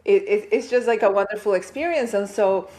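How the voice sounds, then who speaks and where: A woman's voice: mid-range voice, a little fast, warm tone. A woman from Chile as a podcast guest, talking in a thoughtful, reflective way and often tagging "right?" on her points. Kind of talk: casual interview chat.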